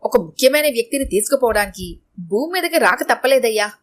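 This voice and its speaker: A woman's voice: on the high side, expressive, brisk. Stern male god of death, commanding and theatrical, read by a woman storyteller.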